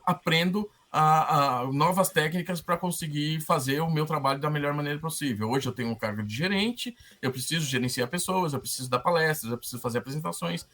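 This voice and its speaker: Halting Brazilian man, fairly high voice. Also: fairly bright tone. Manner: halting, repeats words, frequent tag questions. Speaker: podcast guest. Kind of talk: casual interview conversation.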